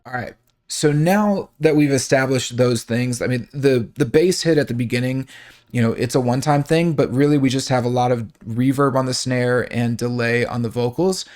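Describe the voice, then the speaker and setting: A man's voice: mid-range voice, moderate pace, darkish tone. A man hosting a song breakdown, casually explaining the mix, thinking aloud with fillers and restarts, and humming sounds to show them. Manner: hums sounds to illustrate. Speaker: music breakdown host.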